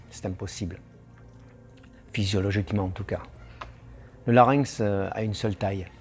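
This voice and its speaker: Low-voiced man teaching singing. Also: fairly even intonation, moderate pace, soft background music. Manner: explanatory, with frequent "hein" tags. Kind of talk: vocal technique lesson.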